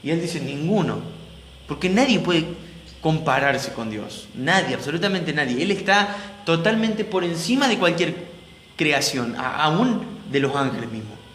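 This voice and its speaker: Emphatic Argentine preacher in echoey hall. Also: male voice, fairly high pitch, very animated, unhurried, a bit bright. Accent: Argentine Spanish. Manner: emphatic, repeats words for stress, asks the congregation questions. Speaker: pastor. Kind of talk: sermon. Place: church hall. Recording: echoey church hall with long reverb, faint noise.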